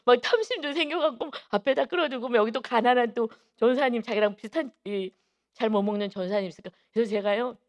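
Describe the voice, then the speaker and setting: A man preaching an early-morning sermon as pastor, telling a story in an animated way full of emphatic fillers. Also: very high voice, fast.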